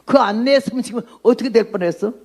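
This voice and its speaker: A woman's voice: on the high side, fast, a little mellow. An outspoken woman in her eighties preaching a testimony sermon as a missionary, blunt and emphatic. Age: 80s.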